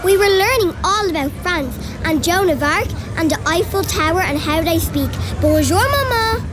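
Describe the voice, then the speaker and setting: Radio ad: keen little schoolkid, piping high voice, noisy street behind. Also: female voice, expressive, moderate pace. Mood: eager. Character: eager young schoolchild chatting to a parent. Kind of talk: radio advert acting.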